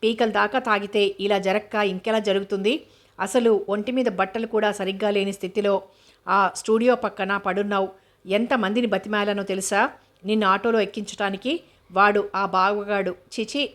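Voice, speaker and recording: A woman's voice: medium pitch, fairly even intonation, moderate pace, fairly bright tone, lightly acted. A woman reading aloud as a brusque young man who speaks tersely and seriously. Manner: irritated, terse.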